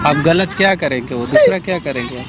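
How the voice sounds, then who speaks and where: A man playing a young man who soothes a crying woman, coaxing her over and over to calm down and speak. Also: on the high side, fairly quick, crowd noise. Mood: soothing. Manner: soothing, coaxing, repeats himself. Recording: traffic noise outdoors.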